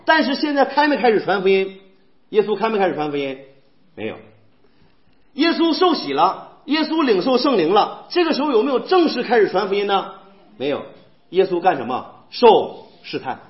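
A man preaching a sermon in a church, animated and firing rhetorical questions at the congregation. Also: high-pitched, normal speed. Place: church hall. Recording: echoey, dull church hall recording.

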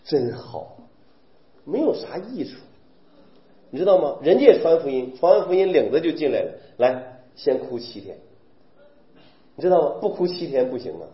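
A man's voice: fairly high pitch, big pitch swings, moderate pace, pauses often. A man preaching a sermon, firing rhetorical questions and acting out weeping believers. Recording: roomy, dull recording.

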